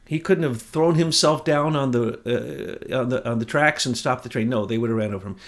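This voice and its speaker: A man co-hosting a political talk show, speaking in an indignant, emphatic way that rises to near shouts. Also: mid-range voice, moderate pace. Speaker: podcast co-host. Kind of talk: heated political commentary.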